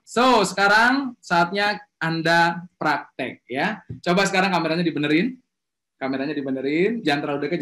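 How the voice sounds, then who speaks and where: Fast, high-voiced man leading a webinar. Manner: lively, coaxing the audience to respond. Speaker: webinar speaker and communication trainer. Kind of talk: energetic online webinar presentation.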